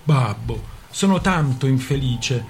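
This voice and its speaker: A man's voice: expressive, slow pace, vocal fry, soft background music. A man reading aloud and voicing a weepy, self-pitying young woman who laments her lot in a raised, plaintive voice. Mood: timid. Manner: plaintive, lamenting, higher pitched. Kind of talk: audiobook reading.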